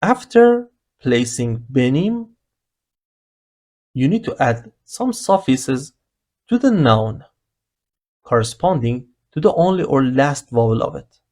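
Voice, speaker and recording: This language teacher has a darkish, sing-song, mid-range voice and speaks slowly with frequent pauses. He gives an explanatory beginner grammar lesson, patiently unpacking the rules one step at a time.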